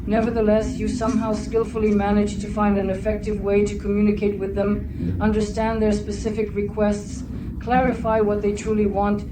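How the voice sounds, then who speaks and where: A woman interviewing a guest, asking formal questions in a polite, deliberate and admiring tone. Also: medium pitch. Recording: steady background noise.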